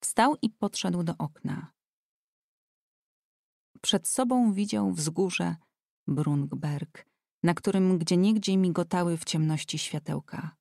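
A woman narrating an audiobook in a measured, softly expressive way. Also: on the low side, vocal fry, no echo, studio quality. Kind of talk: scripted narration.

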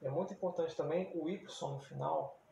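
A man from Brazil giving a casual spoken lesson as an English teacher, speaking slowly and deliberately and repeating words for practice. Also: a little high, creaky, mellow. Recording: echoey room with faint ambient noise.

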